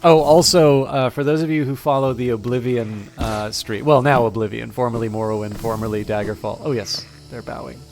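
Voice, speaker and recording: Guy streamer chatting over a game, thinks out loud, rambly, medium pitch, music behind him. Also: steady tone, a little fast, few pauses. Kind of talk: casual live gameplay commentary.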